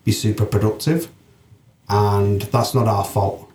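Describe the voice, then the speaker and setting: A man's voice: lowish voice, steady tone, a little slow, darkish tone, reverberant, a little hiss or hum. A man in his forties, a guest speaking candidly and frankly, who swears freely and laughs easily. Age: 40s. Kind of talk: candid conversation.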